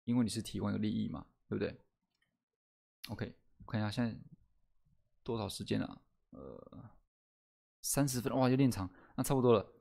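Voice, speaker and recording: A man hosting a podcast lesson, explaining step by step, often asking "right?" and slowing down to stress key words. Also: fairly low pitch, vocal fry, warm tone. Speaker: host teaching sales skills. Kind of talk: solo podcast lesson with slides.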